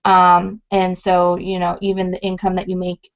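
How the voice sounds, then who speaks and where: A woman's voice: lowish voice, monotone, normal speed, creaky. A woman who is a sales director, explaining tips in a casual round table chat on a muffled online call. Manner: chatty, explaining step by step.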